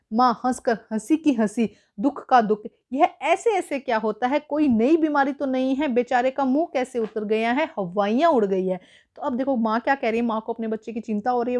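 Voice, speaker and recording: A woman teacher walks students through a school worksheet, patient and explanatory, slipping English words into her talk. Her voice is high.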